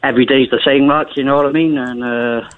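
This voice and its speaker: A man's voice: mid-range voice, fairly even intonation, brisk. A man calling in to a radio show over the phone, talking casually and rambling with plenty of hesitant fillers. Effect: heard over a phone line. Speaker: caller. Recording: tinny narrow phone line.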